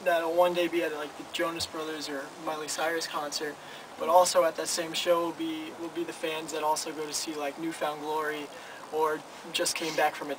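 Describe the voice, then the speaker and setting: Brief: young male front man, rambling and stammering, voice a bit high, recorded from a distance in noise. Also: little pitch movement, brisk. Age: 20s. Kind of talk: casual interview chat. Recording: noisy, from some distance.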